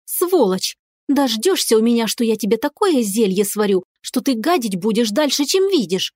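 A woman voicing a furious, sharp-tongued young witch girl who shouts insults in a fairly high voice. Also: very animated, moderate pace, dry recording, studio quality.

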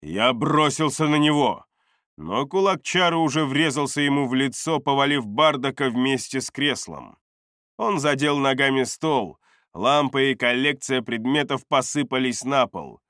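Guy narrating a fantasy book in first person, steady, dry booth sound. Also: medium pitch, a little slow, no room sound. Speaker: audiobook narrator.

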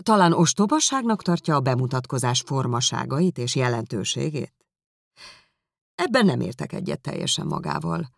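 An ironic, teasing father, calm and mock-serious, as a woman reading aloud puts him on. Her low, gravelly voice sits close and dry. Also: no echo, exaggerated voice.

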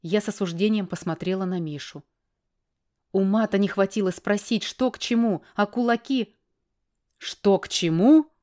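A young adult woman reading a first-person audiobook, lively, sharply raising her voice in the dialogue. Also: mid-range voice, moderate pace. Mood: exasperated. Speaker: audiobook narrator.

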